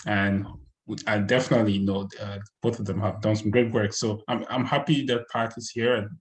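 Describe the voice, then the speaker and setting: A man's voice: fairly low pitch, flat delivery, moderate pace, poor audio. A man hosting an interview podcast, welcoming a friend with a hesitant, friendly manner full of fillers. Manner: warm, hesitant, many fillers. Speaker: podcast host. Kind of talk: casual interview.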